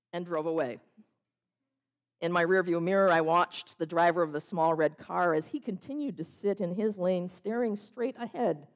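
A woman preaching a sermon, telling a story in a measured way and slowing down on key phrases. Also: fairly low pitch.

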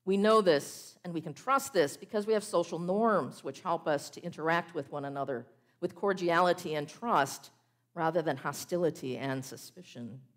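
A woman preaching a sermon, telling a story in a measured way and slowing down on key phrases. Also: lowish voice.

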